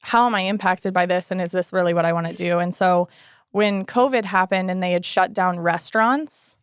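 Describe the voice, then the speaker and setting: A woman in her early thirties speaks as a podcast guest, her voice smooth and clear. She tells her story casually and acts out what people said. The sound is dry and close, with no room in it. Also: on the low side, brisk, no echo. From Alaska, United States. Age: 30s. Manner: storytelling, animated quoted asides. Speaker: guest, city housing and homelessness coordinator. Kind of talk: casual interview conversation.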